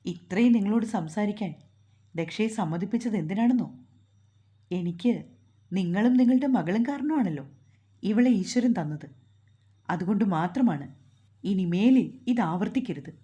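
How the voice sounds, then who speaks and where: A woman storyteller voicing a stern, short-tempered young husband who scolds and gives orders in a gruff way. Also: medium pitch, animated, moderate pace, long pauses, warm tone, muffled recording, lightly acted. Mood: angry.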